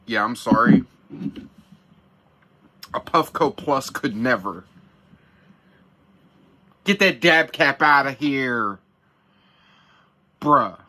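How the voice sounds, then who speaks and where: This man's mid-range voice is bright and forceful, with lively intonation, drawn-out words and frequent pauses. In his thirties, seated in a small camper van near the camera, he delivers a casual product review packed with slang, swearing and hype.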